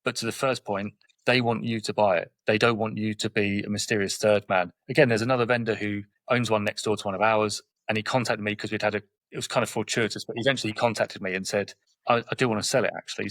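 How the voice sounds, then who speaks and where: A man in his forties with a southern English accent, guesting on a podcast. He talks quickly and directly, acting out little exchanges as he goes, in a low-ish voice. The sound is close and dry. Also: fairly bright tone, dry recording. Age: 40s. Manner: straight-talking, tells anecdotes with quoted dialogue. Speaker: guest, property investor. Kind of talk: podcast interview conversation.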